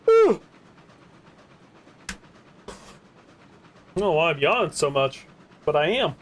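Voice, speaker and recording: A man's voice: on the high side, lively intonation, moderate pace, fairly bright tone. A man playing along on voice chat, chatting in an easygoing way about the game. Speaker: co-player on voice chat. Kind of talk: casual gameplay chat.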